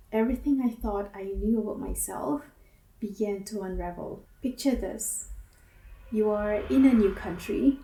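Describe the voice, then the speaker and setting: A woman, a counselor speaking in a gentle, measured, introspective personal monologue. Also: medium pitch. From Singapore. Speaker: counselor and academic advisor. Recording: roomy echo, mic at a distance.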